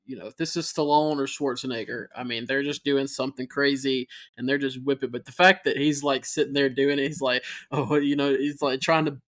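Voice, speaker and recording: A man's voice: medium pitch, fairly even intonation, a little fast, few pauses, a bit bright. A man co-hosting a casual movie podcast, rambling, laughing often and losing his train of thought. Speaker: podcast co-host.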